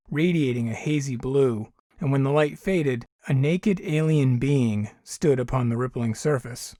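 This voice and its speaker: A man's voice: mid-range voice, a little mellow, dry recording. Man reading a story, dry close sound. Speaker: author and audiobook narrator. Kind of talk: scripted story narration.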